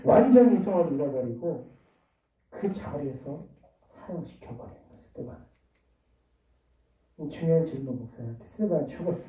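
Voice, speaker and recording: A preacher giving a lively children's sermon in church, often asking the listeners questions and swinging between loud and soft. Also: mid-range voice. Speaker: preacher to a children's Sunday school. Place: church hall. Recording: distant, dull, echoey church recording.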